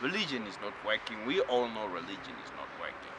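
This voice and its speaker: Zimbabwean man giving a slow reflective lecture. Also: on the low side, big pitch swings, noisy background. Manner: slow, reflective, addressing listener directly. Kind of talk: spoken spiritual lecture.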